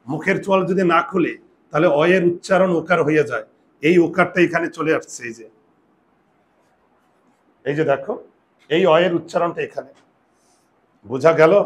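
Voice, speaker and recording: A man, a grammar teacher, explains pronunciation rules to his class and keeps asking them questions. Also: on the high side.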